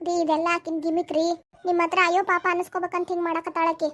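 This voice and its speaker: A woman voicing a scheming, quarrelsome young daughter-in-law in a cartoon story, in a shrill, nagging tone. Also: monotone, very fast, fairly bright tone. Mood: accusing.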